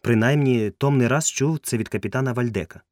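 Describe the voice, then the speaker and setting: A man voicing a polite, genteel lady who gently teases her cousin, recorded close and dry. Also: medium pitch, brisk, dry recording, voice pushed up, close to an everyday voice. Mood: courteous, teasing. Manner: gently teasing, courteous.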